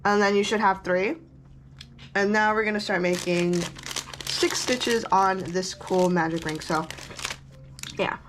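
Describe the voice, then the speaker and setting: A woman guides viewers through a craft project in a loose, chatty way, often stopping to correct herself or wander into asides. She chews gum while she talks, and her voice sits at an ordinary middle pitch. A faint hum of the room sits behind her. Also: fairly even intonation, a little slow, long pauses. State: chewing gum. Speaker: craft tutorial host. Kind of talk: casual step-by-step tutorial.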